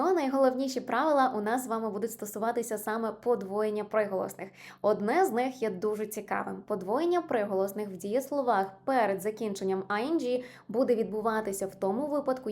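A woman's voice: on the high side, darkish tone. A woman teaching an online English lesson, patiently explaining spelling rules and stressing each example word.

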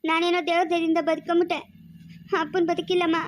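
A vengeful young man confronts the uncle who tried to drown him and killed his father. A woman plays him in a very high voice, hurling accusations. It sounds like a home-made family drama. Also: monotone, quick pace, slight background noise. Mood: accusing. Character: angry young village man, vengeful son.

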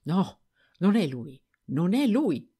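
A frightened, tearful young servant girl who pleads in halting, drawn-out words, as a woman narrator puts her on. Her replies lift well above the reader's own low voice in this storybook reading, and they waver up and down. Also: animated, mellow, heavily acted. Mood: pleading, frightened.

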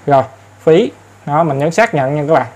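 Chatty man, slightly high. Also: expressive, normal speed, a little mellow. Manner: chatty, repeats filler words, addresses viewers often. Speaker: tutorial host. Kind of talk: casual step-by-step phone tutorial. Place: in front of an ATM for part.

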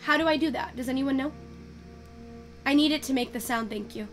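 A young woman chatting casually through a photo-editing tutorial, thinking out loud and swearing now and then. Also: high voice, fairly quick, soft background music. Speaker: virtual photography streamer.

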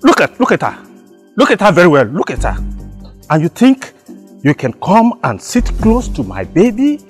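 Man doing a boastful mocking rich boss, Nigerian English accent, very high lively voice, music behind. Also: normal speed, breathy edge. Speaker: rich boss in comedy skit. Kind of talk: comedy skit acting.

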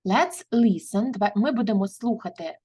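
A woman's voice: mid-range voice, expressive, mellow, slight background noise, rough recording. A woman English teacher, explaining a textbook lesson and translating each step. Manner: switches between slow English and quick translations.

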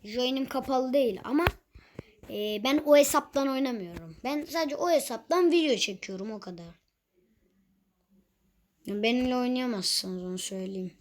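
A woman's voice: a little high, moderate pace, pauses often, a little hiss or hum. A young woman talking casually over her own gameplay, chatty and easily exasperated, with teasing asides. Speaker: gaming youtuber.

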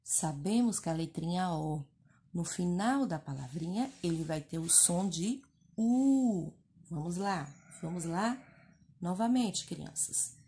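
A woman teacher from Brazil with a northeastern Brazilian accent, speaking slowly in a sing-song way as she sounds out syllables and praises young children in a recorded phonics lesson. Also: fairly low pitch, expressive, dark tone. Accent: Brazilian Portuguese, northeastern. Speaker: first-grade teacher.

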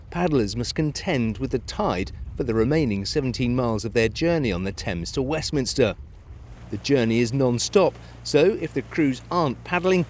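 A male news reporter narrates a scripted story in a measured, even voice. His pitch sits in the middle of the range. Faint background noise runs under the voice-over.

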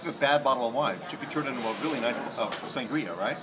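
A man's voice: mid-range voice, rapid-fire, heavy background noise. A man in his forties chatting casually as co-host, dry and joking, on a busy cafe patio. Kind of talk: casual chat. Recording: crowd chatter behind.

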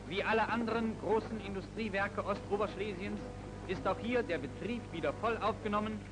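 A man reading an old newsreel, high and declamatory. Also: rough recording. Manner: solemn, declamatory. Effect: old newsreel narration. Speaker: newsreel narrator. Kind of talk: 1939 newsreel commentary. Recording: old newsreel soundtrack over loud music.

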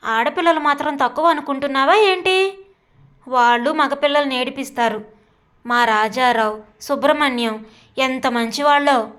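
A woman voicing a lively, stubborn young female college student who answers back teasingly in a storybook reading. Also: high voice. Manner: teasing, stubborn, quick retorts.

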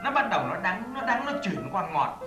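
A man's voice: high voice, big pitch swings, a little fast, roomy sound, far from the mic, over music. A man acting in a stage comedy sketch, boastful and coaxing as he pushes his friend to be brave.

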